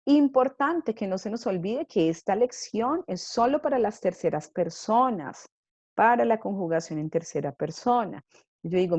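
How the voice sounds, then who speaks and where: Slow, patient woman teaching grammar. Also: mid-range voice, dark tone, no echo, dull audio. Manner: patient, explains step by step, checks in often. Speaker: English teacher. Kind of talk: online grammar lesson.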